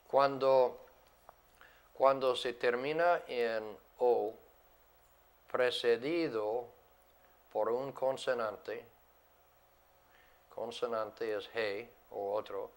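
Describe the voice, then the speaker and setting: A medium-pitched man teaches an English grammar lesson to a class, speaking slowly and deliberately, repeating words and switching between English and Spanish.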